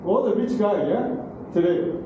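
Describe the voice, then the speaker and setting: Lo-fi, noisy audio from a distant room camera captures a middle-aged man lecturing in a large, very echoey classroom. His voice is high and his speed normal, and his broken English is peppered with "okay?" and "right?".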